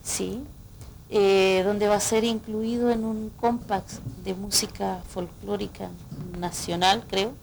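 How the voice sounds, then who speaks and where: A woman's voice: medium pitch, steady tone, takes it slowly, creaky, background noise. A woman, a guest singer in a radio interview, explaining in a reflective way and often checking in with the listener. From Chile. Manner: explanatory, reflective, frequent "¿no?" tags.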